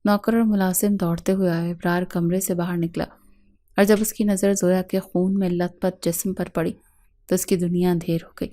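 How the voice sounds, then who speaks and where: Female audiobook narrator, steady and dramatic, slightly low-pitched. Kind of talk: scripted romance novel narration.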